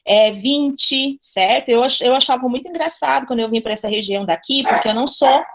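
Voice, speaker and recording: A woman's voice: a little high, fast. A woman from western Paraná teaching a linguistics class online, chatty and full of fillers and restarts. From western Paraná, Brazil. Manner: chatty, many fillers and self-corrections.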